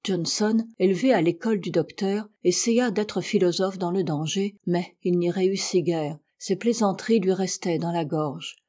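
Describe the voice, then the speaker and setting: A woman reading a classic adventure novel aloud in a steady, measured narration. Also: lowish voice. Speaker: audiobook reader.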